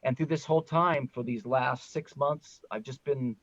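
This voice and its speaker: A man's voice: mid-range voice, moderate pace, no echo, lo-fi sound. A man hosting a podcast, a musician telling a personal story in an earnest, reflective way. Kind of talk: casual conversational storytelling.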